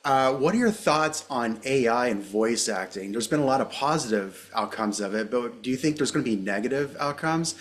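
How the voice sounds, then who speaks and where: A man's voice: mid-range voice, lively intonation, moderate pace, hardly any pauses. A man hosting an interview, asking long, loosely worded questions. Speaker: host.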